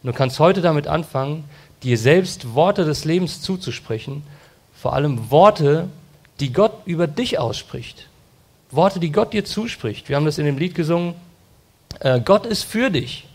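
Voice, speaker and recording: A man's voice: on the high side, expressive, normal speed. A man preaching a sermon, talking earnestly and directly to his listeners, now and then acting out quoted phrases. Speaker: pastor.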